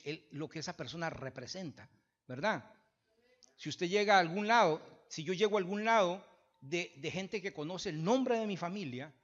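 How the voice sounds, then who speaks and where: A high-voiced man delivers a sermon in a church. He moves from loud, emphatic declarations to soft, chatty asides, repeating words as he goes and checking in with the listeners. The recording sounds dull and lo-fi. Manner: swings from loud emphatic preaching to quiet conversational asides; repeats and restarts phrases, asks the congregation "verdad?". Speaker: pastor.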